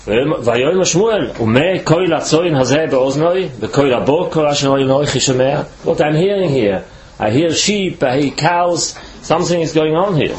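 A rabbi from Switzerland teaches a Torah lesson in careful, halting English, which is not his native language. His pitch runs somewhat high, and the recording quality is low.

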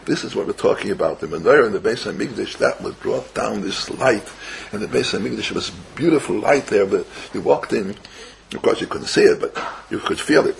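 Creaky-voiced older man, lecture. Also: fairly low pitch, lively intonation, fairly quick, a little hiss or hum, low-quality recording. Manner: repeats phrases, poses questions and answers them. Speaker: rabbi giving a Torah lecture. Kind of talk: informal religious lecture with stories and Hebrew quotes.

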